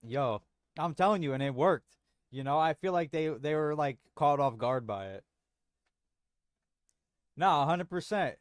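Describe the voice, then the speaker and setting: A man's voice: a little high, lively intonation, measured pace, long pauses, dry recording. Young dude rambling to his stream viewers, lots of bro and restarts, clean dry mic. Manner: rambling, frequent restarts and slang, says bro a lot. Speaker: livestream host. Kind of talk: casual chat with stream viewers.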